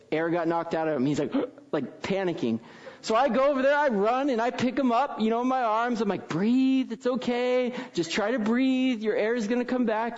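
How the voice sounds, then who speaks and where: Male pastor, light high voice, casual storytelling sermon delivery, muffled lo-fi recording. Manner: casual, frequent tag questions.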